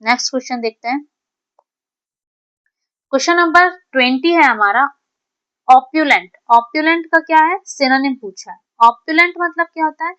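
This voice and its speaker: A woman English teacher giving an exam-prep vocabulary lesson, repeating each word and asking what it means, with a steady check-in of "okay?". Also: high voice, normal speed, pauses often. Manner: keeps checking in with "ठीक है" and "है ना". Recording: slightly dull, lo-fi recording.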